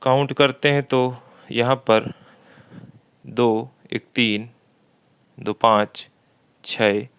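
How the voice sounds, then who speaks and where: Man, grammar teacher, slow and deliberate, smooth clear voice, dull lo-fi sound. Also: mid-range voice, steady tone. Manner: slow and methodical, repeats questions aloud. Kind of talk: exam-prep lesson.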